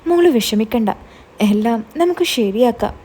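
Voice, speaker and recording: A woman voicing a kindly, protective middle-aged man who gently consoles and reassures in a told story. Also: on the high side, lively intonation, normal speed, breathy edge. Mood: persuading. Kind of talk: storytelling, quoted dialogue.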